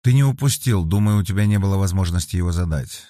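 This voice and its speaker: A man voicing a sharp, sardonic woman investigator in an audiobook, reading her lines higher than his narration, firm and skeptical. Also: quick pace, no echo, clean studio sound, lightly acted. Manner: firm, skeptical, dryly teasing.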